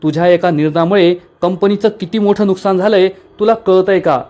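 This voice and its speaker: Scornful domineering woman boss, read by a man, high voice, scolding. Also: steady tone, brisk, darkish tone, natural voice. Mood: angry scolding. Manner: angry, scolding, taunting.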